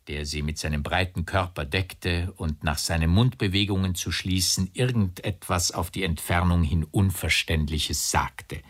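A man giving an expressive, dramatic reading of a literary text as an audiobook narrator. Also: deep voice. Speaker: audiobook reader.

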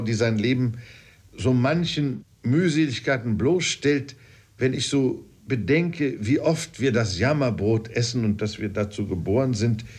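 A man reads a philosophizing gentleman father from a storybook, wordy and a little obstinate. He muses at length at a plain middle pitch. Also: lightly acted. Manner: pondering, slightly obstinate.

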